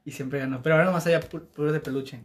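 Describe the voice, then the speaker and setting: Fast-talking young man. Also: on the high side, steady tone. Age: young adult. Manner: storytelling, mixes English into his speech, laughs often. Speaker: podcast co-host. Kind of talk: casual chat.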